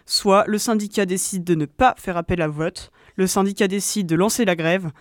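Une jeune femme, co-animatrice d'une émission de radio, qui explique un sujet en hésitant souvent. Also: female voice, medium pitch, normal speed, no echo, clean studio sound. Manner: hesitant, many fillers. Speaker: co-host. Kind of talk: radio show presentation.

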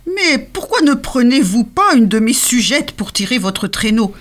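A woman's voice: on the high side, sing-song, a little slow, voice pushed up. Woman playing a helpful mouse king, lightly raised voice, advising. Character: obliging male mouse king.

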